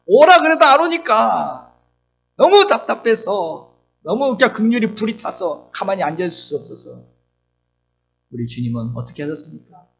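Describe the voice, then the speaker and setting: A middle-aged man preaching an earnest sermon as pastor, swinging between loud urgent lines and soft low asides. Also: rough recording. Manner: acts out tender and scolding voices when quoting.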